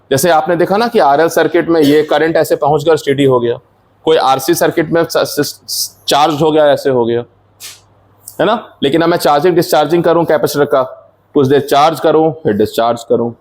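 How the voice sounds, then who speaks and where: A man teaching engineering in a classroom, explaining step by step, quizzing his students and mixing in English technical terms. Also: on the high side. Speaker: engineering lecturer. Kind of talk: classroom lecture.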